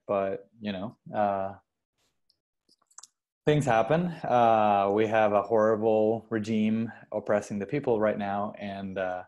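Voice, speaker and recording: A man from Venezuela in his thirties speaks with a fairly low voice in a small indoor room. He talks casually over an earbud mic on a video call, halting and restarting often. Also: a little mellow. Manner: halting, many restarts and fillers. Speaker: guest. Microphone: earbud headset mic on video call.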